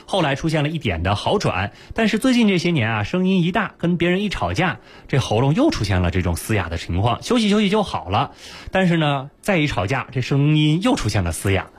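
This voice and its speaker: A man hosting a radio health call-in show, with a quick, announcer-like delivery into a studio microphone. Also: on the high side, husky. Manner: fast, lively announcer delivery.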